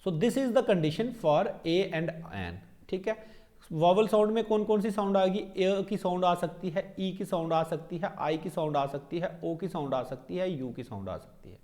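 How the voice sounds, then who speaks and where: A young man teaching English grammar for exam prep in mixed Hindi and English, checking in with his students after each point and slowing down to spell out example sentences. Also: high-pitched, animated, a little mellow.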